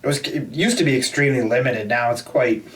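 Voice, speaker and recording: A man's voice: mid-range voice, quick pace, a bit bright, slight background noise. An older man co-hosting a gaming podcast, rambling in a laid-back way, recorded on a distant mic. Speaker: podcast co-host. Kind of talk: casual chat.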